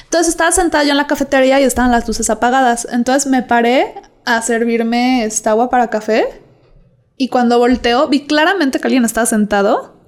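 A young adult woman with a Mexican accent, telling a personal story in a brisk, chatty way among friends. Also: fairly high pitch. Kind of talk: casual chat, anecdote telling.

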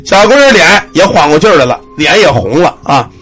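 Man, ghost-story teller, high and husky. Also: brisk, soft background music. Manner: animated, with shouted cries and sound words.

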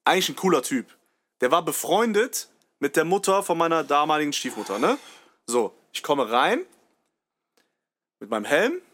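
A man's voice: a little high, sing-song, normal speed, pauses often, a bit bright. A young man hosting a podcast, telling rambling school stories in casual, slang-filled chat. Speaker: podcast host.

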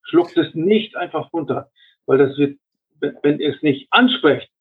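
An older man, a retired airline captain, giving measured advice in an interview, often restarting his sentences. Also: fairly high pitch, husky. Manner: measured, advisory, frequent restarts. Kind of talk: reflective interview answers. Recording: narrow phone-like line.

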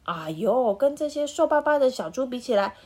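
A woman voicing an excitable male wolf who takes charge, talking in a brisk, emphatic way. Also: high-pitched, voice pushed up. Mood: eager.

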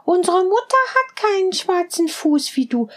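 A woman voicing a chorus of seven little goat kids in a storybook reading, with high squeaky bleating voices. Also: animated, moderate pace. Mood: defiant.

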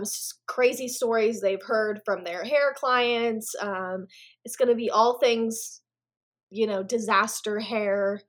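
Chatty young woman podcast co-host. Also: a little high. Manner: chatty, swears casually, laughs often. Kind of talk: casual podcast chat.

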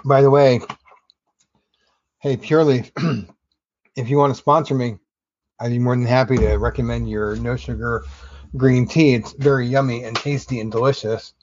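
A man's voice: medium pitch, fairly even intonation, moderate pace, pauses often, darkish tone, highs cut off. A man hosting a solo podcast, talking in a casual, rambling, conversational way with wry asides. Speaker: podcast host.

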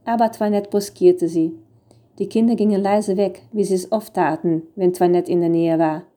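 A woman narrating a children's storybook in an even, gentle reading. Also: on the low side, moderate pace.

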